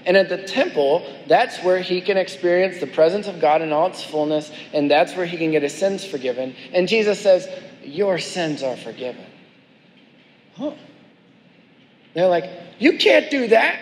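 A male lead pastor gives a relaxed, conversational sermon, reading scripture aloud and often restarting and repeating words. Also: sits high. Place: church sanctuary. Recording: reverberant church hall, faint background noise.

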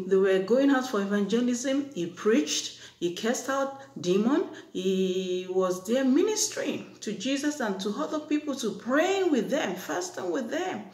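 A preacher giving an earnest, exhorting Bible teaching, with many pauses and fillers. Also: medium pitch. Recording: echoey room.

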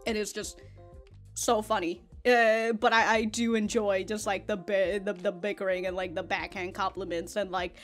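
In a casual anime review chat, a young woman in her twenties talks at normal speed in a level, mid-range voice over soft background music. Close to a foam-covered studio mic in a small room with an anime backdrop, she rambles, swears, laughs frequently, and repeats words.

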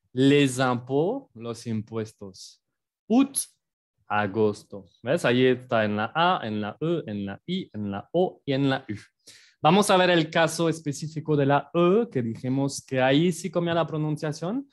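A French man with a French accent teaching a language lesson in a playful, self-deprecating way, explaining with examples. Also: medium pitch.

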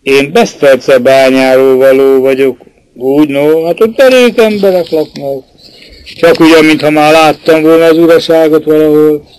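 A man playing a cautious, plain-spoken working-class mason who answers slowly and guardedly. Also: fairly high pitch, fairly even intonation, darkish tone, smooth, close to an everyday voice, rough recording.

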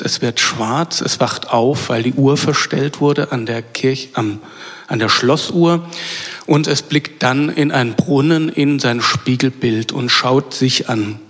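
A man delivers an academic lecture at an ordinary middle pitch. He speaks in a measured way, pausing on fillers and correcting himself mid-phrase. A long reverb of a lecture hall follows every word. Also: fairly bright tone. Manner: measured, with frequent hesitation fillers and self-corrections.

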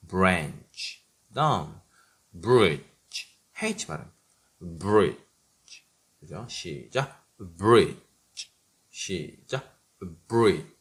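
A man teaching English pronunciation, modeling each word and cueing listeners to repeat it, calm and encouraging. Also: sits low. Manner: models each word slowly, then cues learners to repeat. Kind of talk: pronunciation drill lesson.

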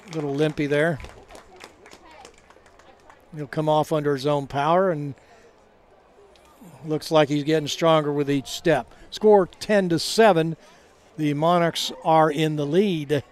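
A man doing live football play-by-play commentary in a halting, conversational way. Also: fairly high pitch, fairly even intonation. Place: outdoor college football game. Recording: crowd noise behind, outdoor stadium. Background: game crowd.

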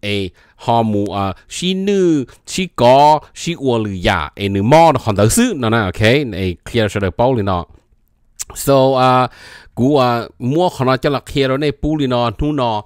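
A man presenting an informal educational talk, reading short phrases aloud and then explaining each one in a relaxed, chatty way. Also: mid-range voice, normal speed, clear, resonant tone, no echo, clean studio sound.

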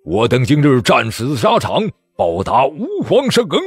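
A stern imperial general in a martial-arts audiobook, voiced by a male narrator. He declaims orders loudly and deliberately in a husky voice. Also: medium pitch, huge pitch swings, faint music behind, voice pushed up, exaggerated voice. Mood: commanding. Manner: commanding, declaiming.

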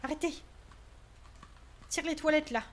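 A woman with a high-sitting voice speaks a little slowly while livestreaming a horror game. She sounds jumpy and anxious, swearing and exclaiming as she plays.

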